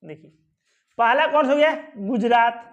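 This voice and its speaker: A man's voice: extremely high pitch, moderate pace, lo-fi sound. A male teacher giving an exam-prep geography lesson at a map, asking questions and answering them himself, with many reassuring asides. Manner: asks questions and answers them himself, repeating "ठीक है" and "आराम से".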